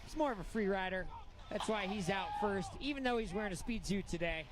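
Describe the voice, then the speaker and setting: A man's voice: high voice, fairly quick. A man calling a ski race live as a commentator, narrating the action as it unfolds. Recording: clear background noise, outdoor event ambience.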